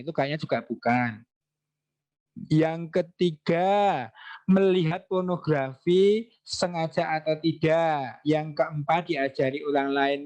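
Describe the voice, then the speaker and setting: A man talking casually to parents in a question-and-answer session, reading out their questions and acting out everyday examples. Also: fairly high pitch. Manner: lively, reads out questions and acts out examples.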